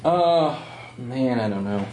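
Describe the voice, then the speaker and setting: A man's voice: mid-range voice, lively intonation, takes it slowly, a little mellow. A man playing a tabletop game, speaking casually in character with a polite, hesitant manner. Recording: roomy recording with faint noise.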